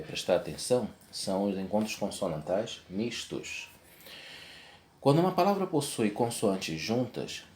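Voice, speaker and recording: A man's voice: low-pitched, darkish tone, a little hiss or hum. A young adult man teaching a video lesson, explaining step by step and checking in with his class.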